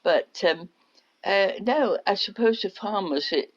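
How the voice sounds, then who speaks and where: An older woman, reminiscing in an oral history interview as an unhurried storyteller. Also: mid-range voice, animated. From England. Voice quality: unhurried storyteller, acts out quotes. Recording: dull lo-fi recording.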